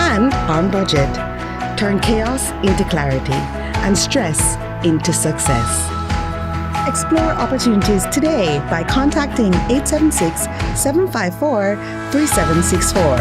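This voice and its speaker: A woman reads a commercial in a polished, upbeat way, her pitch rising and falling a lot. Loud music plays under her voice the whole time. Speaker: ad voice-over. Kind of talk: scripted commercial read.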